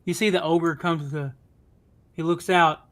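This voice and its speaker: A man's voice: on the high side, fairly even intonation, unhurried, fairly bright tone. A man working as game master, narrating a tabletop game in a casual, amused, improvised way.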